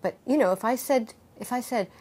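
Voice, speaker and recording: A middle-aged woman yoga teacher speaking earnestly in an interview, walking listeners through a calming breath exercise. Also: on the high side, a little fast, husky. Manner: earnest and animated, acting out panicked voices. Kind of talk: interview answer with guided breathing demonstration.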